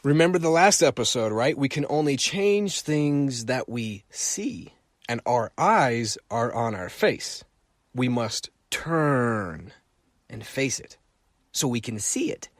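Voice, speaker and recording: A middle-aged man hosts a solo podcast, telling his stories in an animated way. His pitch sits in an ordinary middle range, and he repeats phrases for effect. The recording is close and dry, with no room sound. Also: takes it slowly, no room sound. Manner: animated storytelling, acts out voices, repeats phrases. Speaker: podcast host.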